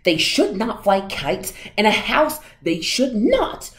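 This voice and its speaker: Woman as scolding male fish, storybook character, fussy, indignant, emphatic, exclaiming, animated pitch. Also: takes it slowly. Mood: alarmed. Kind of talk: storybook read-aloud.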